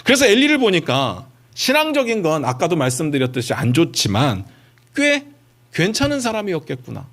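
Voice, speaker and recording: A man's voice: a little high, huge pitch swings, fairly quick, fairly bright tone. A man preaching a sermon as pastor, talking to the congregation in a conversational way with many rhetorical questions and short acted quotes.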